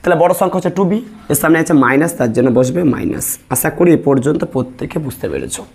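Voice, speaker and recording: A man's voice: a little high, expressive, fast, vocal fry, darkish tone. A male math teacher leading a classroom lesson, asking questions and repeating the answers step by step. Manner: repetitive call-and-response questioning.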